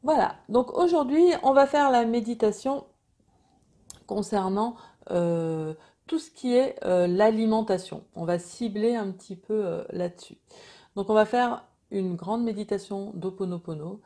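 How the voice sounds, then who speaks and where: A woman's voice: medium pitch, a little slow, warm tone. A woman gives an informal, encouraging and reassuring motivational talk as a wellness coach.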